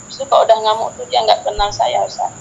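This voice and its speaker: A woman's voice: fairly high pitch, level tone, quick pace, creaky. Earnest woman telling her story. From Aceh, Indonesia. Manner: earnest, addresses the host as Ustaz constantly, many fillers. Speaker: guest telling a personal testimony. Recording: dull lo-fi sound with faint noise.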